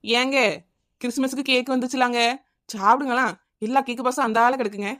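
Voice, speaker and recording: Chinnaponnu, a chattering high-voiced housewife, as a woman voices her. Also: steady tone, brisk, a bit bright, natural voice. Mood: bickering. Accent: Kanyakumari Tamil. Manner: chattering, wheedling, repeats the neighbour's name. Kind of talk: cartoon comedy dialogue.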